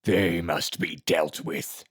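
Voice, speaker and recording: Brief: male narrator playing a sinister old assassin master, deep gravelly voice, slow and icy. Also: steady tone, exaggerated voice. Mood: cold. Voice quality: low gravelly voice. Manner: slow, cold, commanding. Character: old male assassin clan leader, menacing. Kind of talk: audiobook character voice.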